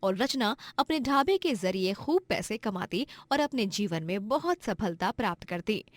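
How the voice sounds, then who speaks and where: A woman narrating an animated moral story in a steady scripted way. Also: medium pitch, moderate pace, no room sound.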